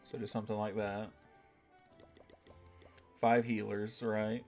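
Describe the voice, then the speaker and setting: A man's voice: lowish voice, little pitch movement, slow pace, darkish tone, soft background music. An American man chatting casually on a gaming live stream, reading chat aloud and tossing in a lot of "right?". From United States. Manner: laid-back, reads chat aloud, tag questions like "right?".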